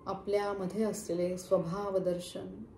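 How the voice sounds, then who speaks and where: A woman leading a guided chakra meditation with slow, soothing instructions. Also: medium pitch, level tone, vocal fry, mellow. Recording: echoey room, faint background hum.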